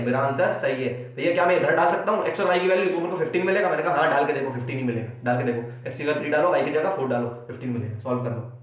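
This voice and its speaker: A young man with an Indian Hindi accent races through an exam-prep maths lesson in a high voice, repeating himself and voicing his students' doubts before he answers them. The sound is dull and lo-fi, in a very echoey room. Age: young adult. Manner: rapid, repetitive, acts out student questions and answers them. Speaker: maths tutor.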